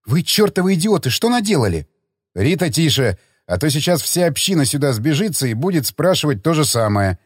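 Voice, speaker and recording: A man's voice: on the high side, big pitch swings, a little fast, few pauses, no room sound, clean studio sound. A man voicing an angry scolding woman, a nurse, in an audiobook, hissing and lecturing.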